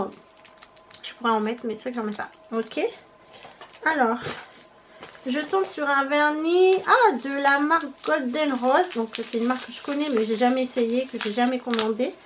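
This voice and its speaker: Young female vlogger, high-pitched, casual and halting, faint background noise. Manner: chatty, hesitant, thinking aloud. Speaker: beauty vlogger. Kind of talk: casual unboxing chat.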